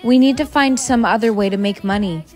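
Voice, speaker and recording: A woman's voice: fairly high pitch, a little fast, a little mellow, soft background music, close to an everyday voice. A woman playing a devoted mother who speaks tenderly and puts her child first. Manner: tender, self-sacrificing.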